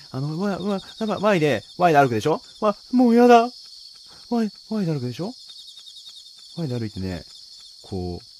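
Nervous man commentating with wildly swinging pitch. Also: darkish tone, slight background noise. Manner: nervous, pleading, talks to himself and viewers. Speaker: video game player and commentator. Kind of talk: casual horror game let's-play commentary.

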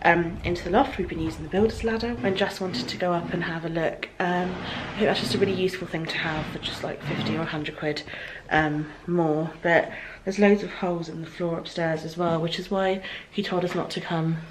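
A woman's voice: lowish voice, steady tone, fairly quick, noisy background. A British woman in her thirties chatting casually to a handheld camera as she shows a house renovation. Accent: British English. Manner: chatty, talking to camera while walking around. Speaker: vlogger. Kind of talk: casual vlog chat. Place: house under renovation, indoors. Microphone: handheld camera at arm's length.

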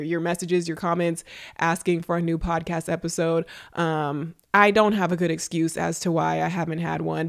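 A young American woman in her late 20s to early 30s hosts a solo podcast, chatting casually and directly to listeners. Congested with a runny nose, her fairly low voice sounds nasal, picked up close on a studio mic while she wears headphones in a small room with shelving.

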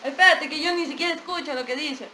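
A young woman with a Latin American Spanish accent, hosting a playful group challenge in an animated, giggly, casual way. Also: high-pitched, quick pace. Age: young adult. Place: small living room indoors, group on a couch. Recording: noisy, echoey room webcam audio.

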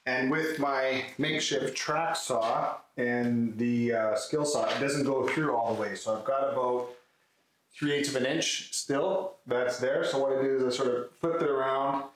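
An unhurried mid-range voice with fairly even intonation belongs to a woodworking video host in his thirties, casually explaining a hands-on build to camera. The audio is echoey with faint background noise, captured by a camera mic a few metres away in his concrete-floored indoor garage.

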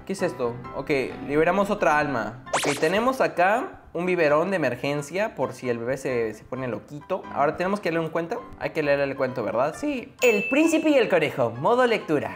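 Lively, playful man doing game commentary. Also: on the high side. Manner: playful, jokey, talks to the baby in a cooing voice. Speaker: gaming YouTuber. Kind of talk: let's-play commentary.

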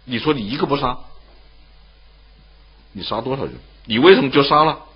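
A man's voice: mid-range voice, animated, moderate pace, breathy edge, muffled recording. A man voicing a shrewd old male philosopher who needles his listener with rhetorical questions. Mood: needling.

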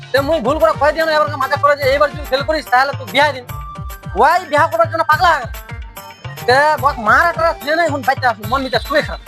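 A woman's voice: sits high, a bit bright. A woman voicing a stern, bossy father with a who orders and hurries his son around.

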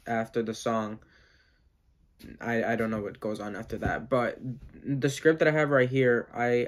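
A man talking casually to the camera about his script and reading it aloud, hesitant, with many fillers and restarts. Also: medium pitch. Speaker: amateur scriptwriter.

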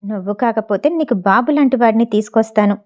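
A jealous, scheming young wife in an audio storybook, read by a woman narrator, sounding bitter and commanding. The voice sits fairly high, with a mellow, warm tone. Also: fairly quick, close to an everyday voice.

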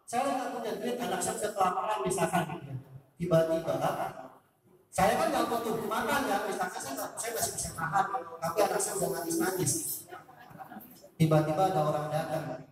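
Male school preacher, high-pitched and chatty, recorded from a distance in a reverberant hall. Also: animated, a little fast, a crowd in the background. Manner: chatty, asks the audience rhetorical questions. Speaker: Islamic speaker at a school talk. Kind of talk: informal religious talk to students. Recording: echoey hall, voice picked up from a distance.

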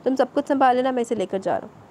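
Woman reader doing a possessive, hot-tempered landlord husband, stern scolding in a dark mellow tone. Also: high-pitched, a little hiss or hum, natural voice. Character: angry young feudal husband, stern and possessive.

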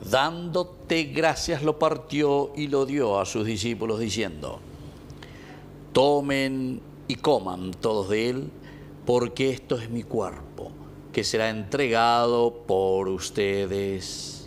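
Solemn Paraguayan priest at Mass. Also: male voice, mid-range voice, a little hiss or hum. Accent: Paraguayan Spanish. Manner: solemn, measured, drawn-out phrasing. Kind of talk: liturgical recitation at Mass. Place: small indoor chapel. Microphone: fixed camera at the altar.

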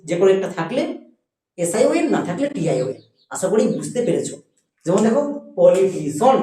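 A teacher giving a spelling and pronunciation lesson, patient and repeating words slowly for students. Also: medium pitch, warm tone, heavy reverb, distant mic, low-quality recording.

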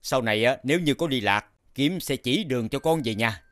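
A man voicing a kind, cheerful village husband in a cartoon, gentle and reassuring. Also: mid-range voice, animated, a little fast, over loud music, natural voice. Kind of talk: 3D cartoon dubbing.

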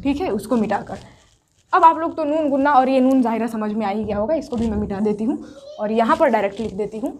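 A woman's voice: high voice, slight background noise. A woman teaching Urdu script step by step, patient and repetitive. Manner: patient, repeats each point slowly. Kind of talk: step-by-step whiteboard lesson.

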